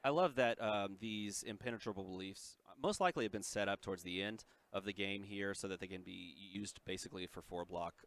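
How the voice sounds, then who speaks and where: A man doing play-by-play commentary on a card game tournament, calling plays in quick excited bursts from a booth headset. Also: on the low side.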